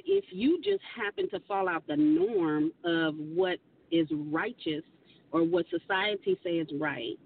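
Rambly earnest woman on radio, tinny phone-ish sound, faint rumble behind. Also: creaky, recorded from a distance. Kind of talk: radio talk show discussion.

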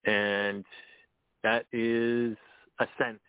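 A man's voice: mid-range voice, little pitch movement, extremely slow, clean tone, no room sound. Give me a man calling in to a radio show over a tinny phone line. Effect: heard over a phone line on a radio show. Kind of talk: casual chat, then reading his poems aloud.

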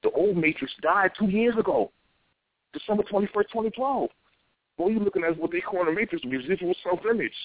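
A man's voice: high voice, expressive, a little fast, dry recording. An American man ranting like a soapbox preacher, exhorting in informal street vernacular with repeated phrases. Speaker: self-styled spiritual teacher. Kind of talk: impassioned soapbox sermon. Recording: thin phone-like radio sound.

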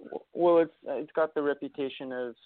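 A young Argentine winemaker, appearing as a guest, chats casually in an interview, rambling with lots of fillers and false starts. His voice sits on the high side with fairly steady intonation and a slightly quick pace. The line is thin and tinny like a phone, and the sound is dry with no echo.

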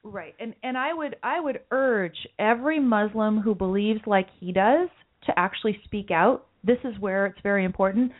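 On a political talk podcast, a woman host speaks at medium pitch and a normal pace. Her light voice, which she describes as mousy, sounds earnest, and she often repeats words while thinking aloud. The audio is lo-fi, like a phone line.

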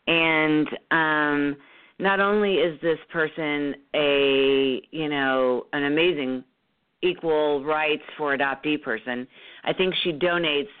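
A woman hosting an internet radio talk show, congested from a cold, with a nasal voice and a rambling manner full of ums. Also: deep voice. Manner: rambling with many ums and restarts. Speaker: host. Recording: tinny phone line.

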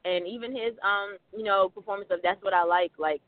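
High-voiced man chatting on a podcast. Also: dry recording. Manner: animated, talks fast with many "like" fillers. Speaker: podcast co-host. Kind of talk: casual chat. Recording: dry phone-like sound.

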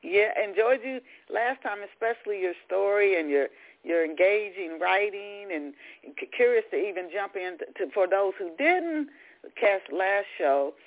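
A woman hosting a radio interview, talking in a halting way and often repeating her words. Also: mid-range voice, animated. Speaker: radio show host. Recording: tinny phone-like radio sound.

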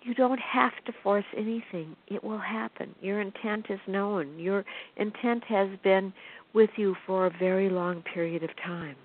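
On her radio show, a woman with a medium-pitched voice channels spiritual guidance, speaking slowly, soothingly and repetitively. She often asks the listener whether they see, heard over a phone-like web radio line.

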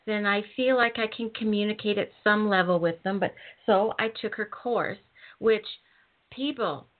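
A woman hosts an interview and gushes about her guest, filling her talk with ums and false starts. Her voice sits at an everyday middle pitch. The sound is narrow and tinny, like a phone line. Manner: gushing, with many ums and restarts. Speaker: host. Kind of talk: casual interview chat.

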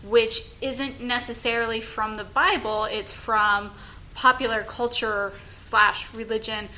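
A woman's voice: on the high side, fairly even intonation, measured pace, pushed and bright, low-quality recording. A woman in a casual panel discussion, speaking in an informal, wry way. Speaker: podcast panelist. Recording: faint noise of live space.

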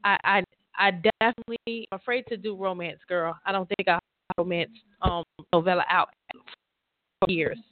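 A woman's voice: on the low side, fairly even intonation, moderate pace, no room sound. Casting: a rambling, chatty woman on a tinny phone line, dry sound. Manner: rambling, restarts often, calls the listener girl. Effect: heard over a phone line. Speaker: author and publisher leading a writers' call. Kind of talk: casual call with a writer. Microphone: laptop with headphones. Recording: tinny, dry call audio.

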